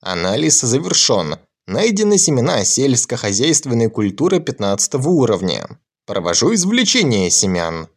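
A man voicing the flat, mechanical system voice of a magic farm, reporting its computer processing step by step in an audiobook reading. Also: mid-range voice, vocal fry.

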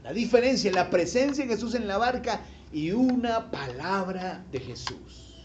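A man's voice: high-pitched, animated, a little slow, darkish tone, highs cut off, a little hiss or hum. A man preaching a sermon as pastor, calling questions out to the congregation and repeating scripture lines over and over. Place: church service.

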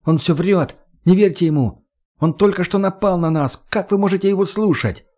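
A man voicing a scared teenage boy who pleads in a high, strained, emotional voice. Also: normal speed, darkish tone, close to an everyday voice. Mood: frantic pleading.

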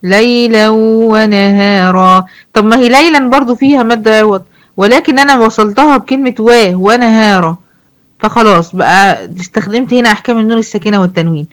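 A woman with an Egyptian accent teaching tajweed, explaining rules in casual speech and reciting verse examples slowly. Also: a little high. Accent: Egyptian Arabic. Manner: asks students questions and answers them herself.

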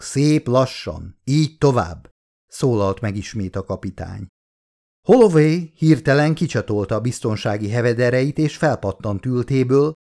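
Man, audiobook narrator, from hungary, mid-pitched voice, reads steady, lifts voice for dialogue. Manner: acts out crew dialogue with raised pitch and excitement. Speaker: author reading his own audiobook.

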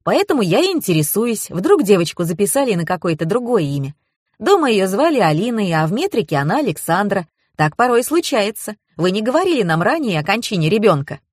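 A woman's voice: mid-range voice, very animated, a little fast, breathy edge, no echo, studio quality, pitched above the performer's own voice. A woman voicing a young male computer expert who explains politely, in an audiobook. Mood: explaining.

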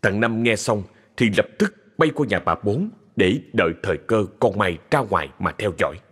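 A man narrating a ghost story in a lively, colloquial way. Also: lowish voice, moderate pace, breathy edge, big-room sound.

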